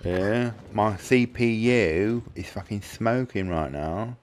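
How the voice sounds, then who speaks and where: A man's voice: on the low side, takes it slowly, slight background noise. A man, livestreaming a role-play game, brash and sweary as he jokes and reacts to his chat from his own room. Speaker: livestreaming gamer. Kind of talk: live gaming commentary and banter.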